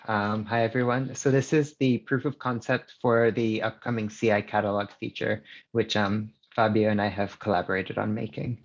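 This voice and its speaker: A man presenting a software demo live on a video call, talking casually and hesitantly with many fillers, captured in a screen recording. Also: fairly low pitch, highs cut off. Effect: screen-recorded video call audio.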